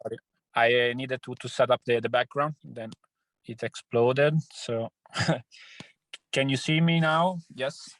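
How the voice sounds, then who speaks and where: A man's voice: medium pitch, steady tone, slow pace, a bit bright, no echo. A man on a video-call meeting who speaks hesitantly and apologetically.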